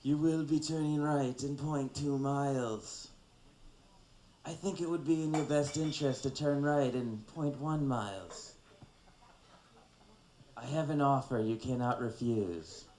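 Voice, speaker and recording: A man's voice: medium pitch, unhurried, a little mellow, reverberant, pitched above the performer's own voice, natural voice, poor audio. A man voicing a mobster who speaks as a car's navigation device, formal and threatening. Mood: menacing.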